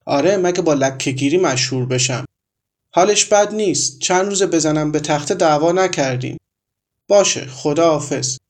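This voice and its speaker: A man's voice: a little high, close to an everyday voice. A man reading as a weary, tearful young wife. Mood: resigned.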